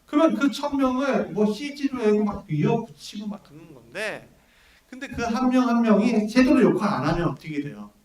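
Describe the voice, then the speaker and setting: A male pastor preaching a sermon, animated and full of rhetorical questions to his congregation. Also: high voice, a little fast. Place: church hall at a prayer meeting. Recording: echoey church hall, mic at a distance, congregation audible.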